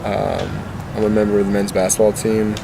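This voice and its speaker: Young male student athlete, very flat gravelly voice, some noise. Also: lowish voice, a little fast. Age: young adult. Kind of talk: casual interview.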